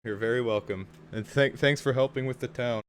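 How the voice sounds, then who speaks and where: A man voicing a gruff, concerned town councilman in a tabletop role-playing game. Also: medium pitch, brisk, close to an everyday voice. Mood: earnest, concerned. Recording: clear background noise.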